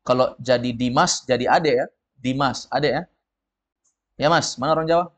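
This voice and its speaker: A man's voice: medium pitch, moderate pace. Guy teaching arabic vocab in class, says a word then explains it, regular mid voice. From of Padang descent. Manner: drills words, students repeat. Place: study room with a group.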